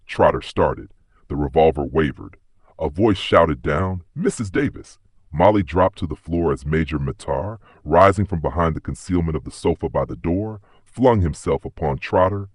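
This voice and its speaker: A man narrating a detective story in a measured, dramatic way. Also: extremely low pitch, breathy edge, no room sound, studio quality. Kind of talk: audiobook narration.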